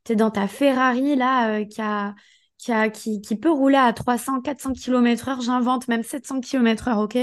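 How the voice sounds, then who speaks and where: Woman, hoarse voice, somewhat high, emphatic motivational podcast co-host. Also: fairly even intonation, moderate pace. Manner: emphatic, coaching tone, speaks directly to the listener. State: hoarse, partly lost voice. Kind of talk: casual motivational podcast chat.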